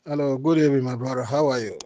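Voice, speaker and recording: A man speaking in a recorded voice message, slow and preachy, repeating his points. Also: medium pitch, mellow, muffled recording. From Ghana. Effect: recorded voice message played back. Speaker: caller sending a voice note.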